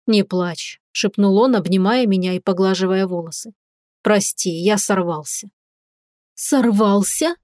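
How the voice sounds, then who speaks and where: A woman reads a first-person romance audiobook with expressive, dramatic narration. Her voice sits a little high, and the close, dry recording has no echo. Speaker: audiobook reader.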